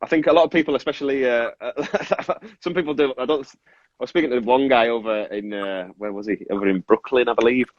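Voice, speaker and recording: At a fairly quick pace, a medium-pitched man from Carlisle in northern England, whose Cumbrian accent shows Scottish touches, talks as a guest about his work as a toy maker and resin artist. He wanders off on tangents, cuts himself off and apologizes for it, all in a muffled, echoey room.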